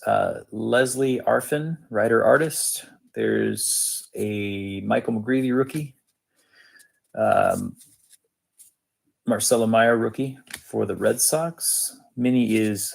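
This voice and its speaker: Male card-break host, slow and gravelly, casual and matter-of-fact, short clipped phrases. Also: medium pitch. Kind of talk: casual live commentary, reading out cards.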